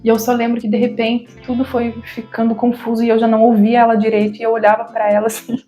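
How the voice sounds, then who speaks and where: A Brazilian woman in her thirties recounts a frightening personal experience to her viewers, her mellow voice sitting a little high for a woman. She stammers now and then and slips into the voices of the people she quotes. Soft music plays quietly underneath. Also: completely flat delivery, fast talker. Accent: Brazilian Portuguese. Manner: emotional retelling with stammers, acts out quoted voices. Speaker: vlogger. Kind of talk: personal storytelling to camera.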